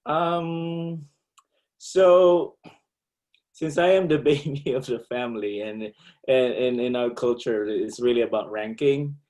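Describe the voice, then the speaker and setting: A man talking about his family on a video call, hesitant and pausing often. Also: medium pitch, a little mellow, low-quality recording. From Philippines. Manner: hesitant, with frequent "uh" pauses. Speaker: meeting participant. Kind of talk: casual personal sharing.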